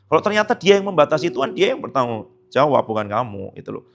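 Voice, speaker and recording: A male pastor gives a casual, conversational sermon in a church service. He sounds chatty and teasing, and often drops into hushed asides. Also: mid-range voice, very animated, fast talker, vocal fry.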